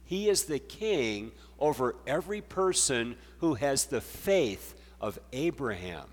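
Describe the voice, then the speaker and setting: A man preaching a sermon as pastor, reading scripture and explaining it in a measured way. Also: medium pitch, big pitch swings, big-room sound.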